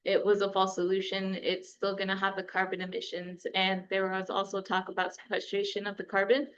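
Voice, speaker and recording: A woman's voice: mid-range voice, monotone, brisk, fairly bright tone, muffled recording. Nervous young woman speaking at a press conference. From Gallup, New Mexico. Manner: nervous, voice wavering at times. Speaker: community organizer.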